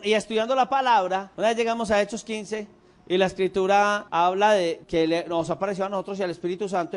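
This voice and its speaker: A man with a Colombian Paisa accent preaching a sermon, an animated storyteller who swings between emphatic and hushed delivery. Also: high-pitched. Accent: Colombian Paisa, Antioquia. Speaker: pastor.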